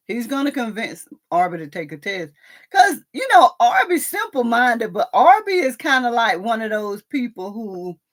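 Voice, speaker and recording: A middle-aged woman, hosting a casual live chat, laughing often and telling stories in a drawl. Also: fairly high pitch. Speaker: livestream host discussing a TV drama.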